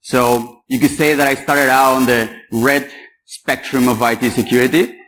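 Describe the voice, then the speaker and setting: A man's voice: mid-range voice, steady tone, normal speed, a bit bright, poor audio. A young man from Paraguay giving a chatty, joking talk at a security conference and quizzing the audience. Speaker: conference speaker. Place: conference hall.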